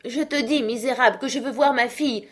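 A woman voicing a grief-stricken old father who cries out in loud, anguished bursts, wild with sorrow and rage. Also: on the high side, fairly quick, pitched above the performer's own voice, close to an everyday voice. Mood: pleading, furious.

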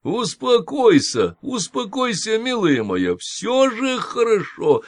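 A man voicing a falsely sweet old woman nurse who soothes in slow, drawn-out tones. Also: sits high, huge pitch swings, no echo, pitched above the performer's own voice, heavily acted. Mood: soothing. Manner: soothing, drawn-out, affectionate pet names.

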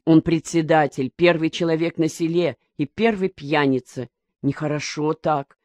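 A woman reading an audiobook, voicing an old village mother who speaks softly and resignedly. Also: deep voice, steady tone, moderate pace, no room sound, lightly acted. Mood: worried. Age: older.

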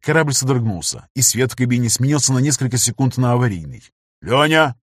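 A man narrating a sci-fi audiobook in a brisk storytelling manner. His voice is husky and middling in pitch. The sound is dry and close. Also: expressive, dry recording.

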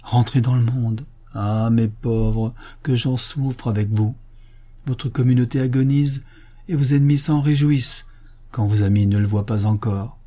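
A man's voice: medium pitch, fairly even intonation, unhurried, warm tone, close to an everyday voice. A man reading the part of an aging priest, tired and compassionate, speaking with earnest sorrow. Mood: fervent grief. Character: weary compassionate aging male priest, grave and fervent.

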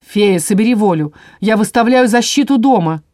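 A woman's voice: medium pitch, expressive, normal speed, no room sound, studio quality, natural voice. A woman voicing a bossy female house spirit who barks commands. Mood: urgent. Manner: urgent, commanding, shouting orders.

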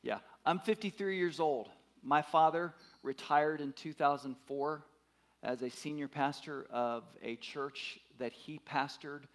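Man, fifties, preacher, emphatic sermon, repeats words, asks the congregation questions, mid-pitched voice. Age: 50s. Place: church.

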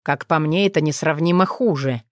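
Woman doing a low, calm dragon man. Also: normal speed, dry recording, natural voice. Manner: steady, dry, slightly mocking. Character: calm, confident male dragon shifter, husband.

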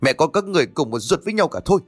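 A man voicing a sharp-tongued young pregnant wife who accuses and scolds. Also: sing-song, rapid-fire, no room sound, clean studio sound, faint music behind. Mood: accusing. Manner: shrill, accusing.

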